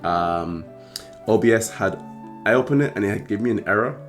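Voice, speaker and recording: A man hosting a trading card game vlog, talking casually with many fillers and restarts, his voice croaky. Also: on the low side, animated, a little fast, soft background music. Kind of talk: casual talk to camera.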